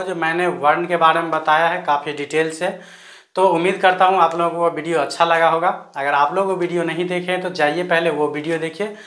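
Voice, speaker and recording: A man's voice: a little high, fairly bright tone. Man teaching grammar in an echoey room. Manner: repeats letter lists slowly, asks students to say them aloud. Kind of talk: online lesson.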